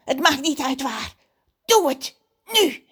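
A woman voicing a grumpy, sharp-tongued male crow who sounds snappy and suspicious in a storybook. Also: high-pitched, big pitch swings, slow pace, voice pushed up, full character voice. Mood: trembling.

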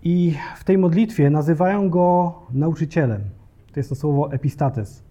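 A male preacher delivers a sermon in a church. His tone is earnest and direct, with a notably mellow, dark timbre and a slightly raised pitch. He pauses now and then with small hesitations. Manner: earnest, addresses the congregation directly, occasional hesitation fillers.

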